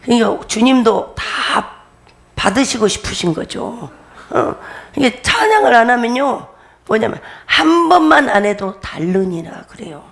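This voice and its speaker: A woman's voice: a little high, very animated, measured pace, vocal fry. A woman pastor giving a testimony sermon, emphatic and repetitive, often breaking into laughter as she urges her listeners.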